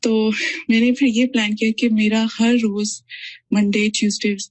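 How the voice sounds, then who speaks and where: A woman speaks in a flat, even tone, earnestly sharing her experience as a mother in a religious class discussion. She mixes English phrases into her talk. The sound is dry and close. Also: fairly high pitch, unhurried, no echo, poor audio. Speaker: mother and student.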